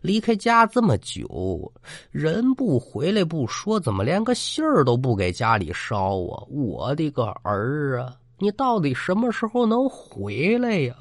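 A man voicing a grieving, half-mad old village grandmother with a hoarse, shrill, wailing voice. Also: wildly swooping pitch, a little slow, hardly any pauses, no echo, clean studio sound, exaggerated voice. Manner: sobbing pleas turning to frantic shouting.

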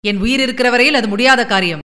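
Woman doing a loud, blunt village farmer. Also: on the high side, fast talker. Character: plain-spoken adult male village farmer.

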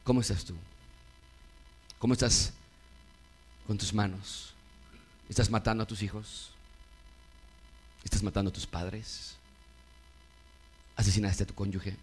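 A middle-aged man preaching a sermon, moving between loud emphatic peaks and quiet low asides, and acting out the quoted voices of his listeners. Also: flat delivery, unhurried, long pauses, slightly rough. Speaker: pastor.

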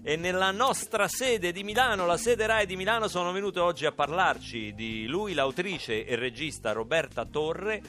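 A man hosting a lively radio talk show, playful and animated as he jokes with co-hosts and introduces guests. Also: high-pitched, normal speed, hardly any pauses, faint music behind. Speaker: radio host.

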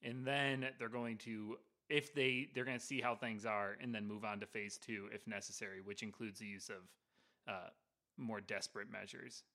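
A man narrating and explaining the world as game master of a tabletop role-playing game, in a relaxed, explanatory way. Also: lowish voice, moderate pace.

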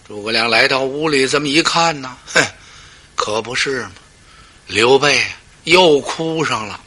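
A man's voice: medium pitch, unhurried, sharp tone. A male storyteller performing a traditional tale dramatically, with asides to the listener.

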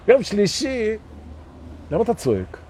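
Animated, self-mocking man teaching. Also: sits high, slight background noise. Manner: playful and self-mocking, shifting between joking asides and slow emphatic teaching. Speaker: spiritual teacher. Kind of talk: live spiritual talk broadcast.

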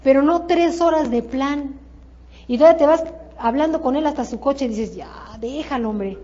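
Mexican woman, high voice, emphatic motivational sales trainer, slightly muffled recording. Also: moderate pace, mellow. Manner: emphatic, repetitive, many rhetorical questions. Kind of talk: motivational seminar talk.

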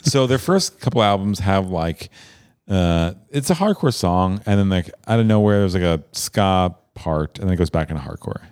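A man's voice: deep voice, expressive, moderate pace, darkish tone, dry recording. A young man co-hosting a casual podcast, cracking dry jokes and chiming in with short replies. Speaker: podcast co-host. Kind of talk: casual chat.

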